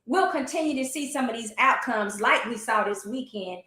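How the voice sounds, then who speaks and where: A woman in an animated, casual sports discussion, speaking emphatically and colloquially with strong opinions. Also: a little high, moderate pace. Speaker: boxing talk show commentator. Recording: roomy, echoey sound.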